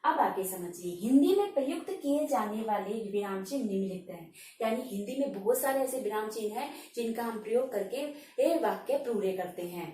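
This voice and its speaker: A patient woman teacher explains grammar to her students, repeating points and saying example words slowly, one at a time. Her somewhat high voice sounds a little distant in an echoey room with faint ambience behind. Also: expressive, mellow, slight background noise. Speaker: Hindi teacher. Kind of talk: online grammar lesson.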